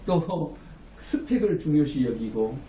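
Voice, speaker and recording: A man's voice: a little high, lively intonation, slow pace, warm tone, distant mic, slight background noise. A man preaching a sermon as pastor, with emphatic calls for amen, recorded from afar in a small room. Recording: echoey room, mic from afar.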